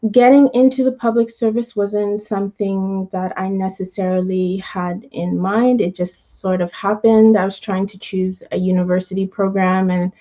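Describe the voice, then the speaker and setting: A woman from Canada in her thirties, answering interview questions as a guest in a friendly, steady way. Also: mid-range voice, normal speed, few pauses, highs cut off. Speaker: guest, career coach.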